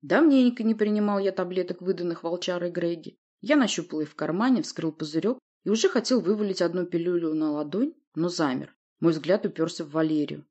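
A woman narrates a fantasy audiobook in a steady, even storytelling manner. Her voice sits fairly low, with a husky grain and a dark, mellow tone. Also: a little fast, hardly any pauses, highs cut off. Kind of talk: scripted first-person narration.

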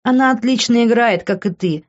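A woman reading the part of a crude, hot-tempered young man who shouts insults at his friend. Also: fairly high pitch, fairly quick, dull audio, voice pushed up, natural voice. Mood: scolding. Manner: coarse, yelling insults. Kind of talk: audiobook character reading.

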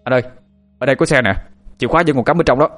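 A man voicing a loud, teasing male driver, excitable and joking. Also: lowish voice, a little fast, soft background music, natural voice. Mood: excited.

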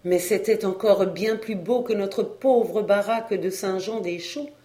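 An audiobook reader narrating a classic novel in a measured, steady way. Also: mid-range voice.

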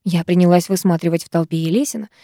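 A woman reads a first-person novel aloud in an even, measured way. Her voice is mellow and warm, and the close recording is dry. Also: on the low side, no room sound. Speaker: audiobook narrator. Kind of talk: first-person audiobook narration.

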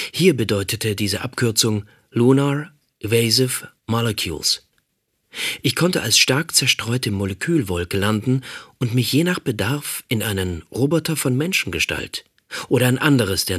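A man giving a calm, measured audiobook narration. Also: fairly low pitch, husky.

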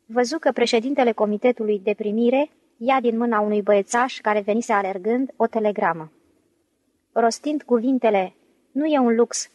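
A woman narrating a novel as an audiobook, reading lively and raising her voice for the shouted lines. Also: on the high side, no echo, poor audio.

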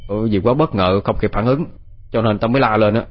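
A man's voice: lowish voice, brisk, natural voice. A man voicing a nervous teenage boy recounting a ghost sighting, hesitant and full of fillers. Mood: uneasy. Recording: dull lo-fi audio with faint background music.

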